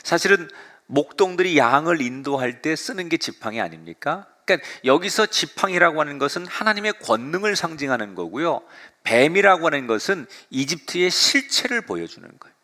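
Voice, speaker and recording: Animated, bright-voiced male pastor preaching. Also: fairly high pitch, brisk. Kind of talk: sermon.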